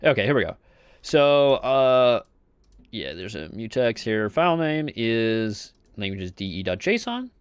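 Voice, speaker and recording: A man's voice: mid-range voice, big pitch swings, moderate pace, clean tone, dry recording. A man developing a game live, joking with his viewers and mumbling through code as he debugs, rambling with chuckles. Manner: talks to viewers in chat; mumbles quietly while debugging. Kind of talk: casual live coding chat.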